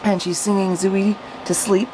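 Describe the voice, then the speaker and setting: A woman storyteller and vlogger reads her own childhood story aloud, adding casual, amused, self-mocking remarks and chuckling, growing animated as she reads. Her medium-pitched voice is unhurried, with background noise behind it.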